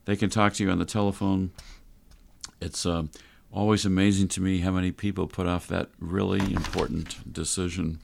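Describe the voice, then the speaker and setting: A man's voice: deep voice, level tone, moderate pace, vocal fry. A man hosting a conversational radio advice show, speaking instructively and straight to the listeners. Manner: instructive, addresses listeners directly.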